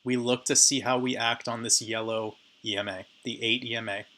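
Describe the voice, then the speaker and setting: A man with a hoarse, raspy voice giving casual chart analysis commentary on crypto markets and addressing his viewers directly. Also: mid-range voice, flat delivery, normal speed, pushed and bright. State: hoarse, raspy voice from talking a lot.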